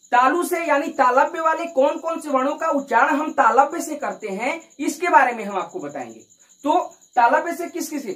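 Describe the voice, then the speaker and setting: A woman's voice: sits high, low-quality recording. A woman teaching an exam-prep grammar lesson, asking herself questions and answering them while showing mouth positions. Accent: Hindi. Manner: repetitive, rhetorical questions answered herself, addresses "दोस्तों".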